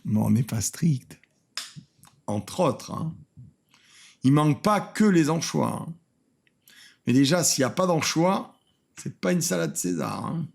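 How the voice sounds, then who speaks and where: Host reacting to cooking clips, slightly high gravelly voice, dry sarcasm, mutters asides under his breath. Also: animated, a little slow, pauses often. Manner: sarcastic, self-mocking, trails off into quiet muttered asides. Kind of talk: casual reaction commentary.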